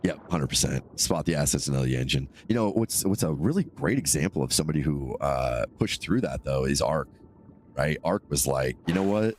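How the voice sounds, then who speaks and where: A male streamer with a very deep, expressive voice chats casually with viewers at a moderate pace while gaming, answering chat comments and rambling between topics. His nose is stuffed up from a cold, and there's a little hiss or hum in the recording.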